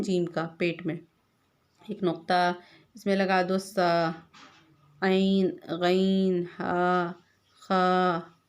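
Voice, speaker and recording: A woman teacher patiently spelling out letters one by one for young children and quizzing them as she goes. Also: lowish voice. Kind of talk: slow classroom lesson.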